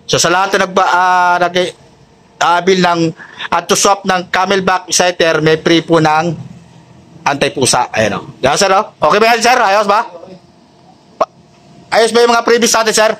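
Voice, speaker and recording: Amid vehicle noise, a Filipino vlogger who sells motorcycle accessories shows off products to a customer and his audience, chatting casually and often speaking to the customer respectfully. His voice is high and fairly bright, at a normal pace with long pauses.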